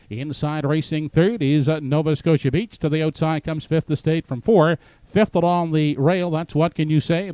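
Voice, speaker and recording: A man's voice: fairly high pitch, darkish tone, no room sound. A man calling a harness race as live commentary, in an announcer's delivery that builds in intensity toward the finish.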